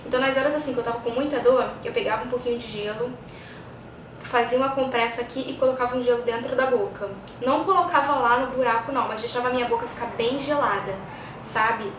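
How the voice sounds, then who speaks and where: A Brazilian woman with a fairly high voice talks casually to her viewers in an explanatory, conversational way. She sounds set back from the microphone in an echoey room, with clear noise behind her. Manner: conversational, explanatory, with frequent check-in tags. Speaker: vlogger. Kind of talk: casual chat to camera. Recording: echoey, distant mic, clear background noise.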